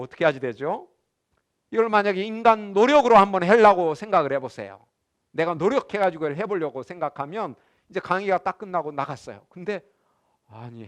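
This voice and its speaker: Animated high-voiced male lecturer. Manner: animated, acts out scenes and asks the class questions. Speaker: seminary professor lecturing. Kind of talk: Bible lecture to a class. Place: lecture room.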